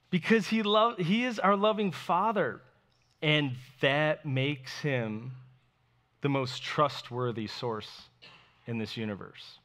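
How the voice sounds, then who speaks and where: Lively, slow-paced male preacher. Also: a little high. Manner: expressive storytelling, acts out voices. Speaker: pastor. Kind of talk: sermon.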